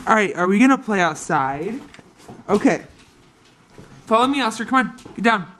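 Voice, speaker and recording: A woman's voice: medium pitch, lively intonation, moderate pace, fairly bright tone, slight background noise. A woman talking to her dogs in a playful, cooing way, coaxing them with short repeated phrases. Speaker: dog owner filming a vlog.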